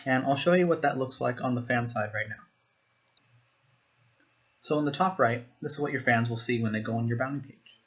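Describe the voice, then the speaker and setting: A man giving a screen-recorded software walkthrough, explaining each step plainly. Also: mid-range voice, fairly quick, long pauses, muffled recording. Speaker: software demo presenter.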